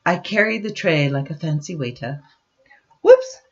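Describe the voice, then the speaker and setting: An older woman in a deep voice reads a picture book to her grandchildren at a moderate pace, chatting to them with plenty of expression along the way. Her computer webcam mic produces dull, lo-fi home sound.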